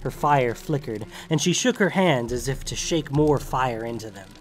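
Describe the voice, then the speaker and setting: A man's voice: medium pitch, moderate pace, soft background music. Man narrating a fantasy story. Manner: dramatic, steady storytelling.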